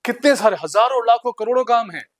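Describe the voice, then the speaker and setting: A young man giving a motivational seminar talk to students in an institute hall, energetic and teasing, ordering the crowd about. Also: extremely high pitch, fast. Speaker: motivational speaker.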